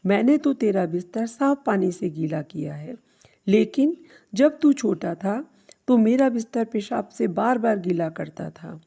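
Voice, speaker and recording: A woman voicing an aging mother who speaks calmly and gently in a storybook tale. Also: mid-range voice, unhurried, creaky, husky, full character voice. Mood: reproachful. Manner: calm and gentle. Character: aging mother, patient, loving, stern.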